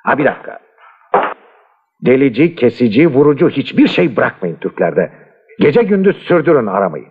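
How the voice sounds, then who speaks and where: A stern military official gives orders with clipped authority. The voice is husky with a very varied pitch, recorded on a tinny old film soundtrack. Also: male voice, big pitch swings, normal speed, pauses often. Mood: commanding, cold. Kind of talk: period film acting.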